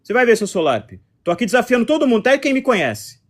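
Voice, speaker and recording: With an extremely high voice and a Brazilian accent, a man races through replies to chat comments on his casual live stream, sounding very animated. He argues back and repeats his points.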